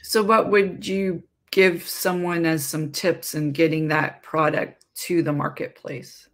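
A woman's voice: deep voice, fairly even intonation, measured pace. A woman hosting a casual interview over a webcam from a room at home, asking questions and chiming in with short affirmations. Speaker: interview host. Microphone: video call webcam.

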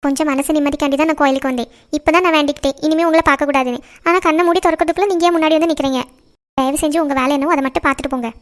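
A woman voicing a heartbroken, proud young woman in a cartoon, speaking quickly and sharply. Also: sits high, fairly even intonation, close to an everyday voice. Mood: angry. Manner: quick, sharp delivery that turns tearful and defiant. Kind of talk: cartoon voice acting.

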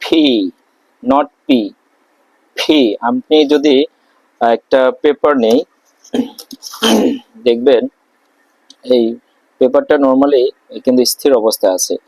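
A man's voice: medium pitch, steady tone, warm tone, dry recording, rough recording. A man teaching English pronunciation, drawing out each letter and answering his own questions. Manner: drawn-out letter sounds, asks and answers himself. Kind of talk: slow, deliberate spoken lesson.

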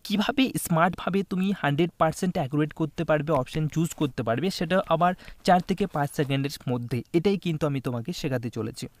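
A man's voice: on the high side, quick pace. A young man teaching an exam-prep English grammar lesson, coaxing his students and checking in often. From West Bengal, India.

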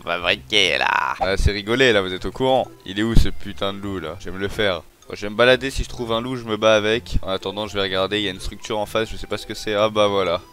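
A young man giving casual let's play commentary, excitable, swearing and yelling at enemies. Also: lowish voice. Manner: excitable, swears, yells at enemies, addresses viewers as brothers. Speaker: gaming YouTuber.

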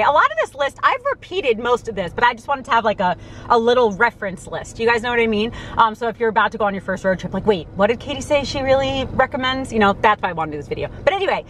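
A woman's voice: a little high, slight background noise. Chatty young woman in a parked car. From United States. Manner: chatty, quick and animated, lots of fillers. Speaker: vlogger. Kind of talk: casual vlog talk to camera. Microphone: camera on dashboard.

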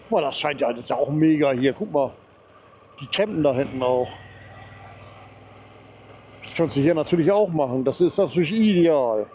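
A man talks his way through a mountain ride on his motorbike, chatty and easily excited as he comments for his viewers. His voice is mellow and slightly raised, picked up by a helmet mic. A faint hum of engine and wind sits under his voice. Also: fairly high pitch, normal speed, pauses often. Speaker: motorcycle vlogger. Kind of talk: casual running commentary while riding. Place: on a motorcycle outdoors on a mountain road.

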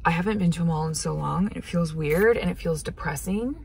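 A young woman vlogger talks into her phone camera in an underground mall garage. Her voice sits fairly low and her delivery is loose and chatty. A faint ambience runs under the phone-video recording. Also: fairly quick, gravelly, background noise. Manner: chatty, says "like" often. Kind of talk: casual vlog chat.

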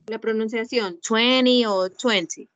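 A woman student, reading numbers aloud one at a time in an online class. Her voice is slightly high and her delivery quite slow. The sound is a little muffled, as over a video call. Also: fairly even intonation, fairly bright tone. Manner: careful, deliberate recitation.

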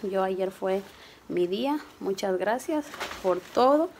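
Hoarse female home vlogger, chatty and affectionate, phone-recorded with background noise. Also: mid-range voice, animated, slow. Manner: chatty, affectionate, coaxing with her child. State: slightly hoarse. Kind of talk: casual home vlog.

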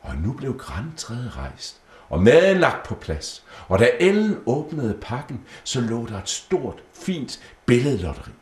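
A man reading a children's Christmas story aloud in a gentle, storybook way. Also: mid-range voice, wildly swooping pitch, few pauses. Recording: roomy echo.

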